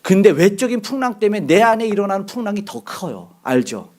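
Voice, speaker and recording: Male pastor, sermon, high voice, very lively intonation, acts out quoted voices. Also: brisk.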